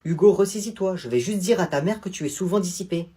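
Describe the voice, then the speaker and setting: A man playing a substitute teacher who talks in a calm, slightly stern, matter-of-fact way. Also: sits high, quick pace, slightly rough, pitched above the performer's own voice. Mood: firm concern.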